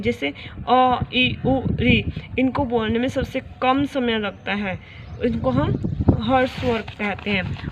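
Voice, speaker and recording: Woman teaching grammar on a noisy recording. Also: fairly high pitch. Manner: explains slowly, repeats questions and examples. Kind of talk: grammar lesson for children. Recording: dull lo-fi recording with clear noise.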